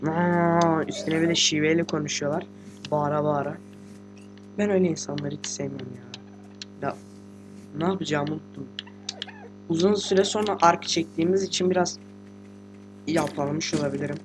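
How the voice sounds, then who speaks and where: A teenage boy, a gaming host, giving casual let's-play commentary while sick and talking quietly, chatty, slangy and joking with swearing. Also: a little high, a little fast, pauses often, over music. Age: teens. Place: room at home with a computer.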